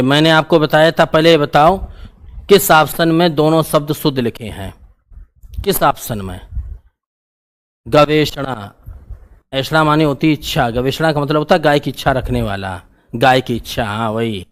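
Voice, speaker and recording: A man's voice: a little high, a little slow, pauses often. A male teacher, giving an exam-prep grammar lesson in a casual, repetitive questioning style. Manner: explains in a casual, colloquial style, asks questions and repeats the answers.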